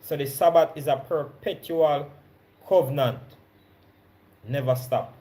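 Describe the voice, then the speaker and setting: A man with a Jamaican accent giving a Bible study sermon. He reads verses slowly with stressed key words, then explains them conversationally and checks in with his listeners. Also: fairly high pitch, mellow. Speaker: Bible teacher.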